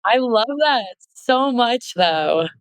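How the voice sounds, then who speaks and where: A woman's voice: fairly high pitch, animated, takes it slowly, clear, resonant tone, dry recording. A woman hosting a casual podcast interview, asking questions and responding with enthusiastic affirmations. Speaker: podcast host.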